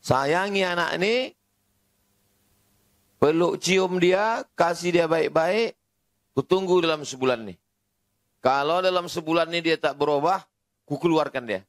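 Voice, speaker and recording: A man's voice: on the high side, unhurried, long pauses, no echo. A middle-aged man preaching a sermon, telling stories animatedly and acting out the voices of the people he quotes. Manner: animated storytelling, acting out quoted voices, rising to near-shouts.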